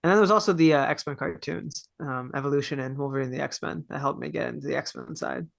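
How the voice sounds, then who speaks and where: A man's voice: fairly high pitch, fast talker, gravelly, no room sound. A man in his early twenties from Texas, answering a podcast interview in a thoughtful, earnest way with a few fillers. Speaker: podcast guest. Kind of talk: casual interview chat.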